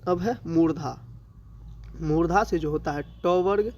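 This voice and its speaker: A male teacher with a Bihari accent giving an exam-prep grammar lesson, listing items slowly and answering his own questions. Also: a little high, a little mellow, highs cut off. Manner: slow, drawn-out listing with rhetorical questions he answers himself.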